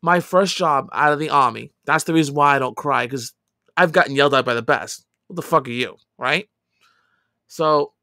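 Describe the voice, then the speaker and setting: A man in his thirties, a podcast co-host, telling a story in casual chat, animated and swinging from loud outbursts to quiet asides. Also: medium pitch, dry recording, studio quality.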